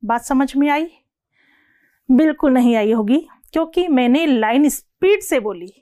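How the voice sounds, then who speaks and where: A woman teacher giving a lecture, asking her students questions and repeating the definitions slowly, word by word. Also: sits high, lively intonation, dark tone, no echo, clean studio sound. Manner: repeats and asks the class questions; slows down to read definitions word by word. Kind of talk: classroom lecture.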